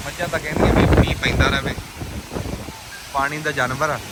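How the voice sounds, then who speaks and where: A man's voice: medium pitch, little pitch movement, brisk. A man with a Punjabi accent chatting casually as a vlog host, in a wistful, reflective way. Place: outdoors in a rainy village. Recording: noisy outdoor vlog with vehicle and ambient noise.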